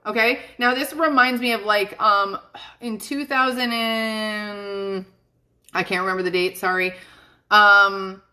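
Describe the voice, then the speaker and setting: A woman's voice: mid-range voice, steady tone, takes it slowly, bright, forceful tone. A woman, a psychic medium chatting emphatically to viewers in a live stream. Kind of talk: casual live-stream talk.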